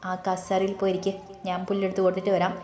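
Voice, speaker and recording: A protective young husband talks bluntly to his wife, as a woman narrator reads his lines. The voice is not deepened and stays at a middle pitch. A roomy echo hangs on it. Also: completely flat delivery, fast, dark tone, lightly acted. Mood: caring. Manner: scolding then soothing.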